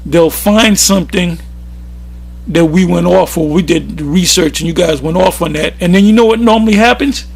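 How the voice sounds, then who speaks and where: A man's voice: sits high, moderate pace, vocal fry, breathy edge. A man giving an informal, rambling sermon, often restarting his sentences. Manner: rambling, with frequent restarts and fillers. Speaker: religious teacher.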